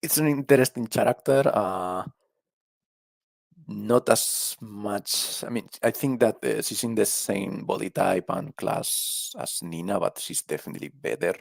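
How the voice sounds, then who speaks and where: A man's voice: fairly low pitch, expressive, a little slow, gravelly, no echo. A man from Spain with a Spanish accent, casually rambling through a character tier list and often trailing off mid-thought. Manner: rambling, casual, swears, trails off while thinking. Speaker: video creator ranking game characters.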